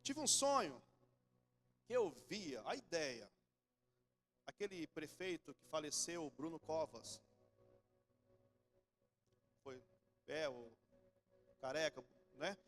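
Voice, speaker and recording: Brazilian pastor guy in his 40s preaching, highish voice, goes loud then drops soft. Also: slow, pauses often. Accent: Brazilian Portuguese. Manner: animated preaching with sudden drops to a soft, low voice. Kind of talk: sermon. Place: church.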